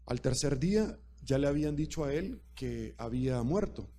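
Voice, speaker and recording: A man's voice: medium pitch, animated, normal speed, mellow, a little hiss or hum. A man preaching a sermon, speaking emphatically and repeating key phrases while addressing the congregation directly.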